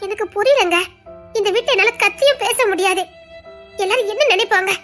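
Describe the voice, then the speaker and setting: Audio drama: woman playing a squeaky, piercing young wife, hurt and pleading. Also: a little fast, soft background music. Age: young adult. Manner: tearful, pleading, rising to shouts.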